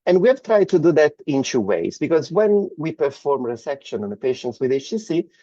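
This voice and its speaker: An Italian medical oncologist from Italy presents an academic webinar lecture over a video call, speaking hesitantly with frequent fillers and restarts. His voice is on the high side, mellow, brisk, and very animated. The call audio is dull and lo-fi, with no room sound.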